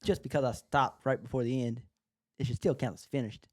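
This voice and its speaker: A man co-hosts a podcast, chatting casually about books and shows in an informal, matter-of-fact way. His mid-range voice has fairly even intonation and a fairly quick pace. The studio-quality recording has no echo.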